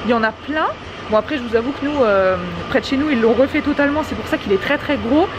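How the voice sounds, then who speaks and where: A woman's voice: a little high, quick pace. A woman in her twenties vlogging casually, her voice slightly muffled through a face mask. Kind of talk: casual shopping vlog chat. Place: car, then large busy discount store. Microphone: handheld camera at arm's length. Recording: clear background noise, store and vehicle ambience.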